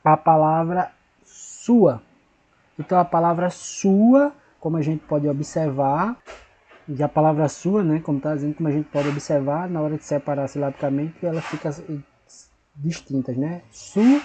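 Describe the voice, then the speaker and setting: A man teaching a recorded lesson, patient and repetitive, slowly spelling out syllables and checking in with his pupils. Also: on the high side, steady tone, mellow, slight background noise, poor audio.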